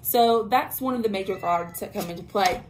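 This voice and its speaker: A young witchcraft channel host talks informally to camera in a casual lesson, peppering it with ums and slang. She speaks at normal speed in a mid-range voice, filmed at arm's length in a small tapestried bedroom, with a little hiss or hum on the audio.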